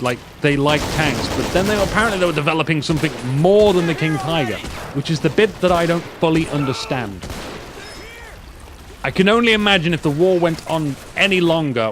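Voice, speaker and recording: A man casually commentating a strategy war game, rambling with joking asides. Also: mid-range voice. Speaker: gameplay commentator. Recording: loud game gunfire underneath. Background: gunfire and vehicle noise from the game.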